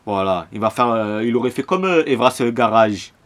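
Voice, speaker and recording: Heated Marseille fan ranting. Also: male voice, mid-range voice, lively intonation, fairly quick. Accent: Marseille French. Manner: heated, rambling, with fillers and slang. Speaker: football fan vlogger. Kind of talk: casual rant to camera.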